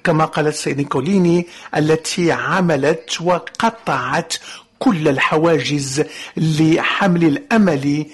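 A man giving a live interpretation of ceremony speeches. He speaks haltingly, cutting off words and restarting often. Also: fairly high pitch, slightly rough. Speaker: simultaneous interpreter.

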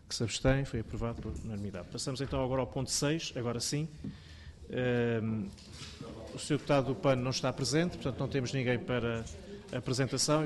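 A man with a European Portuguese accent chairs a parliamentary committee meeting. He speaks in a formal, procedural way, giving the floor to members and calling votes. His voice sits at an ordinary middle pitch. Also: darkish tone.

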